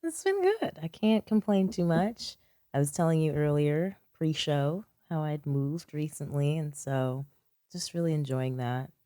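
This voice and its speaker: A woman's voice: low-pitched, animated, a little slow, warm tone, no room sound, clean studio sound. A woman from upstate New York, guesting on a podcast, chatting casually with frequent laughs and wry comebacks. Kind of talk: casual chat.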